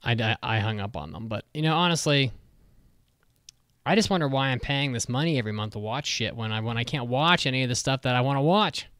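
A man's voice: mid-range voice, expressive, fairly quick, a bit bright, no room sound, clean studio sound. A man co-hosting a podcast, joking crudely and swearing in casual chat. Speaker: podcast co-host.

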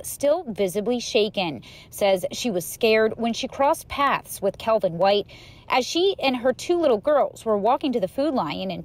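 A woman news reporter giving a live report from a courthouse in a measured reporting delivery. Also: a little high.

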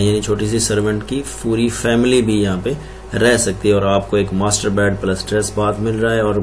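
This screen-recorded walkthrough features a man from Pakistan explaining floor plans room by room, architect-style, naming each room in sequence. His voice is on the low side with a darkish tone, and faint background noise is present.

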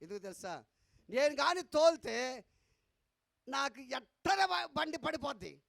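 A man's voice: very high voice, expressive, unhurried, vocal fry, fairly bright tone, no room sound. A male pastor, telling stories in a sermon and building up emphatic repeated phrases. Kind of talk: storytelling sermon at a gospel meeting.

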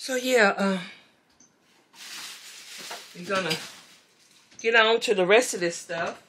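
A middle-aged beauty vlogger chats casually while tidying her beauty room, speaking slowly in a mid-range voice and calling viewers "y'all" in a relaxed, chatty way. She's filmed in a bedroom on a moving camera mic, with a little hiss or hum.

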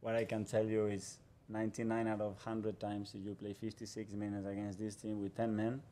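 A man in his forties, a football manager answering questions at a press conference in a measured, guarded way. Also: fairly low pitch, monotone, dark tone, slight background noise. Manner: measured, guarded, repeats phrases. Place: press conference room in front of a sponsor backdrop. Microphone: table microphone.

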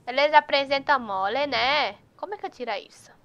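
A woman's voice: high-pitched, fairly quick, fairly bright tone, dry recording, muffled recording. A woman giving casual, chatty gameplay commentary and teasing the characters on screen. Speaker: gameplay youtuber.

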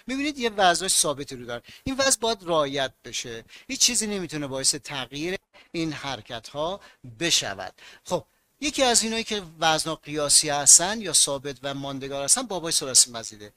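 A man's voice: a little high, sharp tone, no echo. A man with a Mashhad accent teaching an online grammar class, patiently explaining rules and asking his students questions that he then answers himself.

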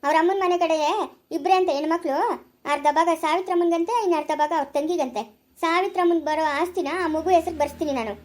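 Woman as a domineering policewoman, very high voice, harsh, scolding, amateur drama. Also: fast talker, darkish tone. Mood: firm. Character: stern, threatening female police officer. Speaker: police officer. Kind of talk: amateur family drama acting.

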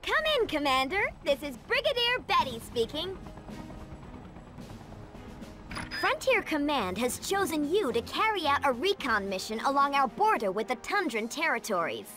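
Peppy high-voiced army radio commander. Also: female voice, sing-song, moderate pace, few pauses. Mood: brisk, welcoming. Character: brisk, upbeat female army brigadier guiding a commander. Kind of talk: military radio communicator briefing in a video game. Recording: game music behind the voice.

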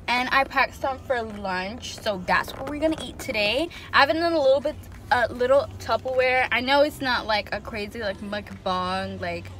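A young woman chatting casually to camera as a vlogger, expressive and loose, with plenty of fillers. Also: a little high, normal speed. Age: young adult. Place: room at home.

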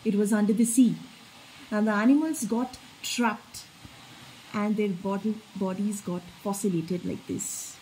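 A woman's voice: medium pitch, steady tone, a little slow, warm tone, slight background noise, low-quality recording. A woman guiding viewers through a limestone cave, informally pointing out rock features as she films on a phone. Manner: informal explaining, pointing things out. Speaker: cave tour vlogger. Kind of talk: on-the-spot guided explanation.

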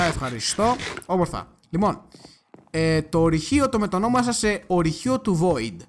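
A man giving casual gameplay commentary, chatty and excitable, talking straight to his viewers and now and then bursting into loud cursing. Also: sits high. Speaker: gaming video creator.

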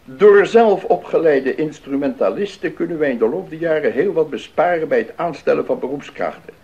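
A man with a highish, expressive, warm voice speaks briskly, though the audio sounds dull. In a 1980s Dutch radio play he acts a stern, pompous, pious councillor, delivering his lines formally and emphatically in an officious mood.

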